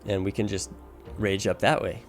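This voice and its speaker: With a fairly low pitch and flat delivery at a moderate pace, the man talks his way through a video game as its guide, musing on each choice. Music runs behind the casual commentary.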